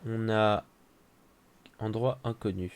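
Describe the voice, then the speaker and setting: A man's voice: on the low side, steady tone, slow, slight background noise. A man giving casual let's-play commentary with joking, offhand asides. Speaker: gaming streamer.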